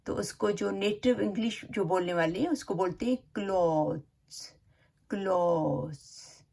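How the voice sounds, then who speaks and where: A woman with an Urdu-Hindi accent teaching English pronunciation, slowly and deliberately, repeating each word and checking in with a rising "okay?". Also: mid-range voice, gravelly, a little mellow, a little hiss or hum. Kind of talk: slow explanatory lesson. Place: home, recorded from abroad.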